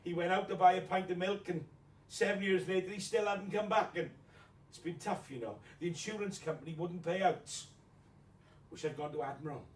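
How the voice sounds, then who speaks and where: A man's voice: high-pitched, brisk, lightly acted. Pantomime dame for a male actor: vain, gossipy, flirtatious widow, coy and gushing, recorded off-mic in a reverberant room. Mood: mock aggrieved. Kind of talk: pantomime dame performance in a mock celebrity interview. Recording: echoey room, distant microphone.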